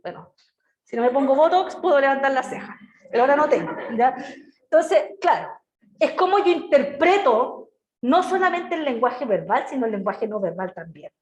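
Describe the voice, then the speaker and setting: A woman's voice: high voice, normal speed, muffled recording. A middle-aged woman with a Chilean accent teaching an online class in a chatty way, often checking in with her students. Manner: lively, chatty, asks "¿ya?" and "¿cierto?" often. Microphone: video call.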